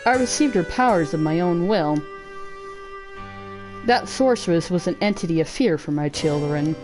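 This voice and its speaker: A woman voicing a mature sorceress, speaking formally in a measured, regretful confession. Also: fairly low pitch, over music, natural voice, low-quality recording. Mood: solemn.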